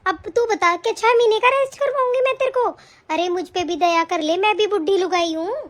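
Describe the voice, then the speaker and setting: Put-upon old mother-in-law, high and plaintive, grumbling under her breath, a woman playing her. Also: fairly quick. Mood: pleading. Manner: pleading, complaining to herself. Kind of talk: amateur family drama acting.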